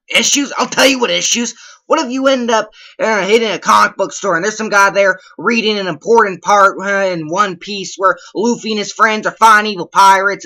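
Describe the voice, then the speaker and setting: Man, comedy vlogger, sarcastic, rambling, mock-outraged, sharp bright tone. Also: on the high side, lo-fi sound. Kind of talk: comedic rant reading his own school report.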